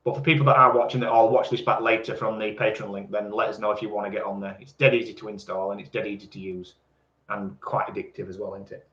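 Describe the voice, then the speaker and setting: A forties-aged live stream co-host delivers casual teasing of his partner and reads viewer comments in a flat, quick manner. His voice is lowish and a bit bright, heard through echoey, slightly dull stream audio.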